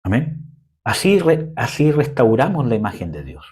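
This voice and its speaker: A young man preaching a sermon in a conversational way, often pausing with fillers. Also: medium pitch, big pitch swings, a little mellow, slightly rough. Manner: conversational preaching, frequent "¿cómo se llama?" fillers.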